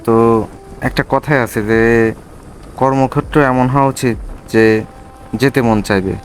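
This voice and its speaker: Chatting from within his motorbike helmet mid-ride, a male motovlogger with a Bangladeshi accent reflects casually with viewers. He has a mid-range, steady voice and a moderate pace, with slight background noise.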